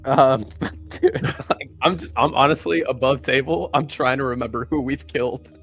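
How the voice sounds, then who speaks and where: A man's voice: medium pitch, moderate pace, fairly bright tone, faint music behind. A man playing in a tabletop game, talking in a hesitant, rambling way full of fillers. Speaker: player. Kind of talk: casual tabletop play.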